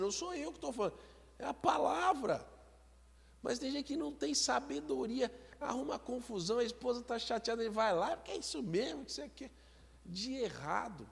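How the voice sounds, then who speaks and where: A man from Brazil preaching at a prayer service, chatting casually and reading scripture slowly and loudly. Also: sits high, creaky, breathy edge. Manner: conversational preaching, reads scripture slowly and loudly, acts out little dialogues. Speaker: pastor. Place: church sanctuary. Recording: long church reverb.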